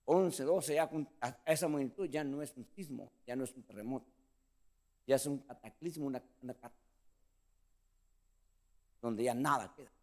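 A man's voice: moderate pace, long pauses. A man preaching a sermon as pastor, calling listeners brother and acting out the scripture scene. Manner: preaching with lively pitch swings, addressing listeners as brother.

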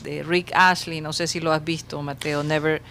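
A woman's voice: sits low, little pitch movement, moderate pace, a bit bright, slight background noise. A woman in her fifties co-hosting a podcast, chatting conversationally and drifting into asides. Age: 50s. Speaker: podcast co-host. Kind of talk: casual chat.

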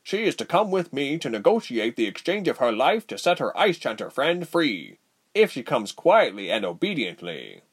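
A man voicing a self-important soldier who speaks loudly and officiously. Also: mid-range voice, very animated, normal speed, breathy edge, voice pushed up. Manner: loud, officious, raised voice.

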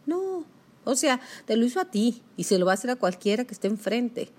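A woman's voice: on the high side, sing-song, a little fast, a little mellow, breathy edge. A woman giving a motivational self-help talk, speaking directly to the listener in a coaching manner.

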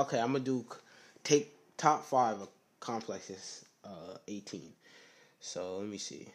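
A young man hosting a casual solo podcast, talking low in a rambling, slangy way with lots of "you know what I'm saying.". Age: young adult. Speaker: podcast host.

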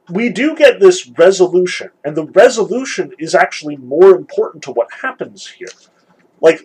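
Man, literature lecturer, fairly high voice, husky, rambling conversational delivery, reads passages aloud. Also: low-quality recording. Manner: loose and conversational, full of "like" and "sort of".

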